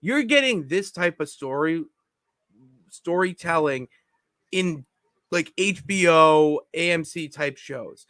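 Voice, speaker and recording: A man co-hosting a podcast from his home basement, talking in an excitable, rambling way with many restarts. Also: fairly high pitch, slow, no echo, clean studio sound. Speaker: podcast co-host. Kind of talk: casual chat.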